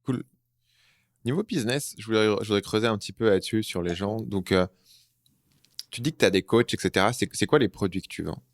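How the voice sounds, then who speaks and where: A man from France hosting a podcast, asking curious, relaxed questions with some fillers. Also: fairly low pitch, a little fast, pauses often, dry recording, studio quality. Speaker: podcast host. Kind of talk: casual podcast interview questions.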